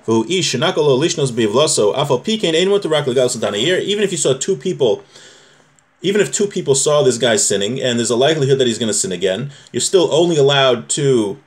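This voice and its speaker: In a mid-range voice, a man leads a casual lesson on religious law, working through a text one point at a time. He reads aloud, restates things, and keeps making sure the listeners understand.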